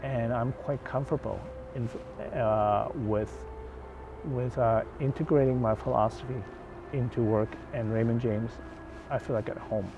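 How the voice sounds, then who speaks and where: An older man from Hong Kong, a financial advisor giving an interview in the woods, thoughtful and halting, often restarting his phrases. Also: medium pitch, steady tone. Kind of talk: outdoor interview chat. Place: outdoors in the woods. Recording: dull lo-fi outdoor audio, faint noise.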